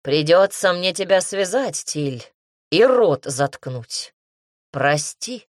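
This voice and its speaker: A woman's voice: fairly low pitch, animated, takes it slowly, no echo, clean studio sound. A woman voicing a stern young male revolutionary who barks curt orders. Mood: grimly resolute.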